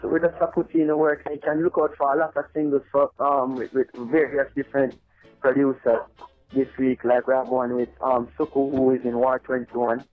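A male reggae artist, calling in by phone to a radio show and talking in a loose, rambling way with many "you know what I mean"s. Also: medium pitch. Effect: over the phone. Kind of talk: phone interview, casual. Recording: tinny phone line, faint music behind.

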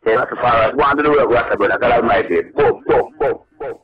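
A man's voice: mid-range voice, fast, husky, dry recording. A man, a reggae artist talking over the phone in a casual radio interview, in a loose, repetitive, upbeat patter. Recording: muffled phone-line audio.

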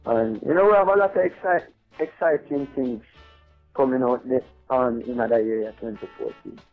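A man's voice: mid-range voice, moderate pace. A male reggae artist, calling in by phone to a radio show and talking in a loose, rambling way with many "you know what I mean"s. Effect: over the phone. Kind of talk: phone interview, casual. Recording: tinny phone line, faint music behind.

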